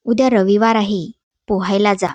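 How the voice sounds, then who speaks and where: A woman's voice: mid-range voice, fairly even intonation, moderate pace, darkish tone, no room sound, natural voice. A woman voicing a stern village mother who scolds her son, in a storybook reading. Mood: coaxing. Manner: firm, scolding. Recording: dull dry voice-over.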